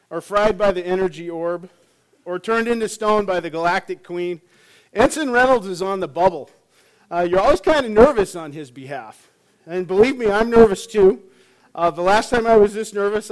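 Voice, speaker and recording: A middle-aged hospice chaplain delivers a sermon full of jokes, stories and frequent fillers. His voice sits high and has a clean tone.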